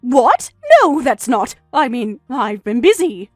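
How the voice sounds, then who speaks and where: A woman's voice: a little high, expressive, takes it slowly, a little mellow, no echo, studio quality, faint music behind. A woman voicing a defensive older mother-in-law who pleads and makes excuses, in a synthetic text-to-speech read.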